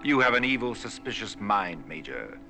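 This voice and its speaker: An actor playing a scheming, pompous stowaway in a 1960s TV drama, with a theatrical, oily and flowery way of talking. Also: male voice, fairly low pitch, sing-song, normal speed, music in the background. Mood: haughty. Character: scheming, pompous older male space stowaway.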